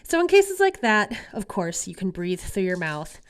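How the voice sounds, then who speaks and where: Her mid-range voice swings widely in pitch at a moderate pace with a clean tone as this yoga instructor, still shaking off a cold, talks a class through its exercises. She sounds casual and comforting.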